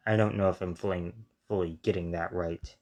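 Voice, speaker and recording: A man hosting a reaction video, analyzing and testing sounds on himself in a deliberate way. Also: low-pitched, fairly even intonation, a little mellow. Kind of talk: commentary on a played video.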